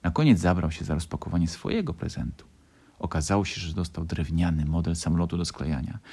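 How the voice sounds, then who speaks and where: A man narrating a children's storybook in a gentle, expressive way. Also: low-pitched, fast, breathy edge.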